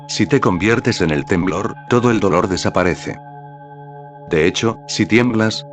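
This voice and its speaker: Low-pitched male narrator for a meditative teaching script, steady and instructive, faint music bed. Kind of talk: scripted narration of a spiritual talk. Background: faint background music.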